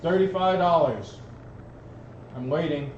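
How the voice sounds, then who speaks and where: A man with a voice on the high side works as an auctioneer at a live auction livestreamed from a gallery room, calling bids repetitively and slowly amid folksy, casual banter. The recording is roomy, dull and noisy, with a distant mic.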